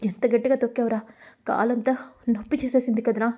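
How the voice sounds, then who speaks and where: A woman voicing a scheming, sharp-tongued woman who scolds her henchmen. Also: a little high, fairly even intonation, fairly quick. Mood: scolding. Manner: scolding, harsh.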